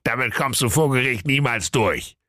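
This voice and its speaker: A man voicing a sly, defensive big bad wolf in a gravelly, dismissive way. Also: medium pitch, lively intonation, moderate pace, sharp tone, no echo, studio quality, voice pushed up. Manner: gravelly, dismissive, casual colloquial.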